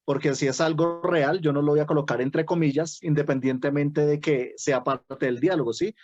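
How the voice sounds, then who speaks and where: A man's voice: on the high side, steady tone, normal speed, a little mellow, no room sound, soft background music. Bogotá-accented man teaching on a dull call. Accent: Colombian, Bogotá. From Bogotá, Colombia. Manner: explains with many "¿sí?" checks and self-restarts. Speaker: writing workshop teacher. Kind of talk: online workshop lecture.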